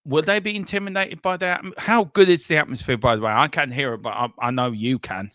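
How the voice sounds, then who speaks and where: An Irish man hosts a live football watchalong, chatting eagerly and saying "um" a lot. His voice is a little high, fairly quick and fairly bright, picked up close on an earpiece headset mic in a dry recording.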